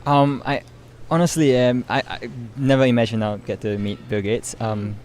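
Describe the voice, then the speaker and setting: A young adult man from Singapore, a medical student and competition winner, answers interview questions informally as a guest, searching for words as he talks. His mid-range voice is a little mellow, with little pitch movement and a moderate pace. The recording is clear, with urban ambient background noise.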